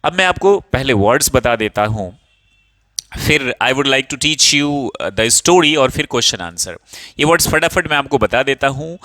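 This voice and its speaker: A man with an Indian accent teaches English with a bright, forward voice. He runs through word meanings in a loose, repetitive drill, mixing in plenty of fillers. The sound is close and dry, with no room around it. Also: mid-range voice, dry recording. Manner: mixes Hindi and English, quick word drills; repeats words and leans on fillers. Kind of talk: spoken English lesson.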